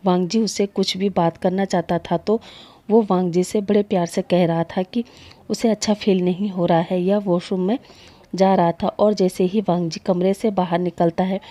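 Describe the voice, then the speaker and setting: Low mellow woman narrating a story. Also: moderate pace. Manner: steady, conversational retelling. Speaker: storytelling channel host.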